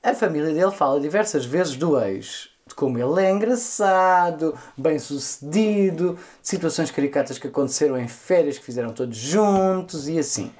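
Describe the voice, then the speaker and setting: A man's voice: fairly high pitch, expressive, normal speed, few pauses, darkish tone. A man with a European Portuguese accent co-hosting a casual comedy podcast, reading a listener's email aloud with camp, sassy asides and frequent swearing. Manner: camp, sassy, swears freely, dramatic exclamations. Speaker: podcast co-host.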